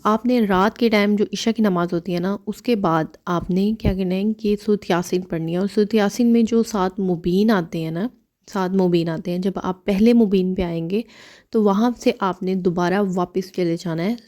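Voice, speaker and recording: A young adult woman from Pakistan giving earnest, casual spoken advice in a vlog, repeating herself and often pausing with "um". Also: mid-range voice, a little mellow. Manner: earnest and repetitive, with many "um" fillers. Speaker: vlogger.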